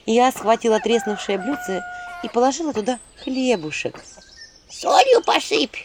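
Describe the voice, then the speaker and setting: A woman narrating a fantasy story in the first person, in a lively, wry manner. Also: a little high, moderate pace, background noise.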